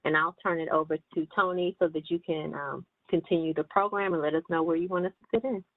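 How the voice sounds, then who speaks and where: Woman agency director, measured presenter, dry and phone-filtered. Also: low voice, no room sound. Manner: steady, measured, with frequent ums. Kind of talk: virtual meeting presentation. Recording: tinny phone-line audio, dry.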